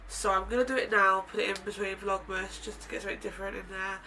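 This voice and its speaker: At a quick pace and with a level tone, a woman in her twenties from the United Kingdom talks casually to camera in a sit-down vlog, rambling, chatty, and self-correcting. Her medium-pitched voice is pushed and bright but nasal and blocked. There's a little hiss or hum, and the distant mic catches faint room ambience.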